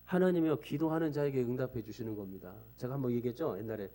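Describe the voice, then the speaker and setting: A man's voice: medium pitch, quick pace, dark tone. A male pastor delivering a Sunday sermon in an earnest, pleading way, repeating phrases and telling stories.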